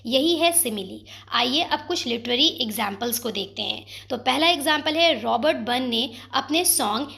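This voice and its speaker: A woman teaching English literature terms, explaining in Hindi mixed with English and reading quoted poem lines slowly. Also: high voice, expressive, gravelly, pushed and bright.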